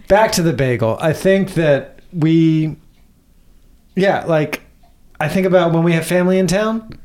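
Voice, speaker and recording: A man's voice: fairly high pitch, slow pace, pauses often, a little mellow. A man co-hosting a podcast, chatting casually about food in a dry, sarcastic way. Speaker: podcast co-host. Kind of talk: casual food review chat.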